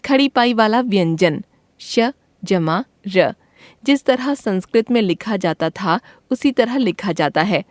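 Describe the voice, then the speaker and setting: A woman reads a textbook grammar lesson aloud at a very slow, deliberate pace, spelling out each letter and example word one at a time. Her voice sits at an ordinary middle pitch. The sound is close and dry, with no room echo. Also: lively intonation. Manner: slow, careful reading of letters and word lists. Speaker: teacher.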